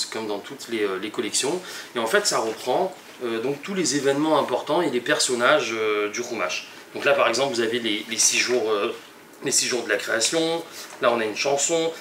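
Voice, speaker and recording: A young man, a teacher, presenting a project in a halting way with many pauses and restarts. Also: medium pitch, a bit bright, a little hiss or hum. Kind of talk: hesitant spoken presentation. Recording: echoey room, mic at a distance.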